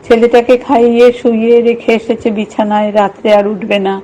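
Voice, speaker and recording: A woman reading a novel aloud in a steady, measured storytelling voice. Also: a little high, muffled recording, slight background noise. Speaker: reader.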